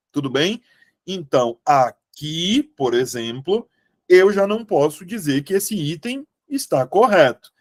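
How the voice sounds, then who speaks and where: A man's voice: a little high, dry recording, clean studio sound. A young adult man teaching a Portuguese grammar lesson for exam prep, checking in often with the class. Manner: lively, coaxing, asks the class frequent checks.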